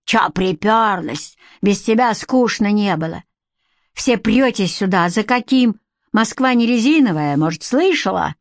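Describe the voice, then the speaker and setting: A woman's voice: mid-range voice, animated, measured pace, no echo, studio quality. A woman voicing a rude, grudging aunt who sneers at a young relative in a storybook reading. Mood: scornful.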